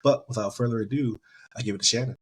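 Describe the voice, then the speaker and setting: A man hosting a podcast, opening the show with brisk, energetic delivery. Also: mid-range voice, slight background noise. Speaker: podcast host. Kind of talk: show introduction.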